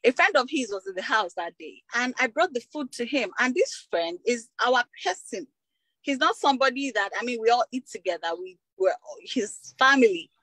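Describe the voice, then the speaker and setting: Nigerian woman, interview guest, emotional retelling, fairly high voice, dry close sound. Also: lively intonation, normal speed, sharp tone, no echo, rough recording. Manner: emotional, tag questions like "you get". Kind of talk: recounting a personal story in an interview.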